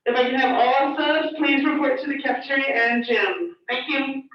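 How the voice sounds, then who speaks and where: A high-voiced woman gives a short, polite announcement over a school PA system and repeats her request. Her voice comes through a loudspeaker from some distance away. The sound is dull and boomy, with heavy echo. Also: moderate pace. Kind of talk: brief public address announcement.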